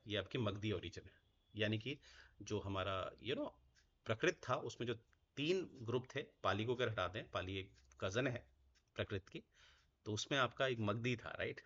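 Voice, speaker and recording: A man's voice: mid-range voice, fairly bright tone. A male teacher lecturing for exam students, explaining step by step and often checking in with "right?". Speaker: Hindi teacher. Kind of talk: classroom lecture. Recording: slightly dull lo-fi audio.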